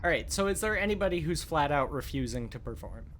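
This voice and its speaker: Calm game master calling for rolls. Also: medium pitch, fast. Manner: calm, directing the players. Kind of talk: running a tabletop game over voice chat. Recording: online voice chat with faint hiss.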